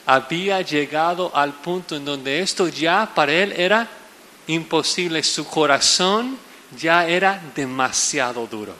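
Emphatic preacher with a bright voice in a reverberant hall. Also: male voice, lively intonation, a little slow, slight background noise. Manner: emphatic preaching, swinging from loud stresses to hushed low lines. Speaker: pastor. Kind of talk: sermon.

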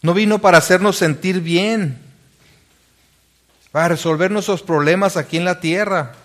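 Male pastor, slightly high voice, sermon delivery, questions to the congregation. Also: moderate pace. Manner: preaching with rhetorical questions to the congregation; reads scripture aloud.

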